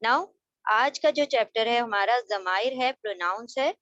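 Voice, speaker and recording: A woman's voice: a little high, measured pace, a bit bright, dry recording. A woman teaching a beginners' grammar lesson, explaining step by step with fillers and English terms. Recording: dull, lo-fi sound.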